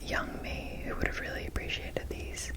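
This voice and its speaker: An ASMR video creator, a young adult woman, whispers through a casual show-and-tell. Her voice is breathy and enthusiastic, and her phrasing comes out halting and unhurried.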